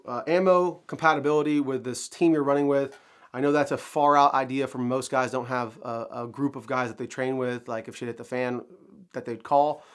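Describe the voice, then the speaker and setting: Stuffy-nosed man rambling to camera. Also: mid-range voice. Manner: rambling, with many fillers and restarts. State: nasal from a cold. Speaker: firearms channel host. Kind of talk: casual talk to camera.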